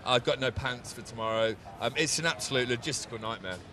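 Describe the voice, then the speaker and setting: English man, cricket pundit, fast talker, bright voice, dry self-mocking humour. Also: mid-range voice, a little hiss or hum. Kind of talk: joking cricket panel chat. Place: outdoors at a cricket ground.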